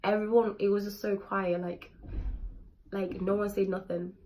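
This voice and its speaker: A woman's voice: medium pitch, little pitch movement, moderate pace, a little mellow, a little hiss or hum, poor audio. Young woman, vlogger; casual, candid, slangy storytelling to a camera mic. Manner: candid, slangy, swears freely. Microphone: built-in camera mic.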